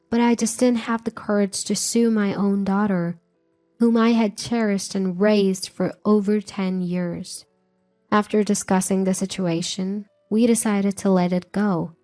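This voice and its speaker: A middle-aged woman telling a scripted first-person story in a calm, measured, somber way. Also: medium pitch.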